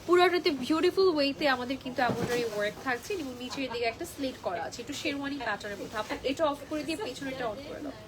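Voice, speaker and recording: A young woman, a little unwell, chattily pitching clothes on a live shopping stream and mixing in English phrases. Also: racing, hardly any pauses, a crowd in the background. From Bangladesh. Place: clothing shop.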